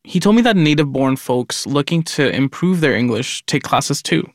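A man's voice: fairly high pitch, expressive, normal speed, no room sound, clean studio sound. A man reporting on a news podcast, explaining his findings steadily.

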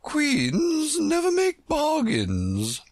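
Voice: high-pitched, huge pitch swings, slow pace, no echo, pitched above the performer's own voice, full character voice. A reader voicing an imperious, contrary chess queen, a woman who scolds with pompous emphasis in a storybook. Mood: stern.

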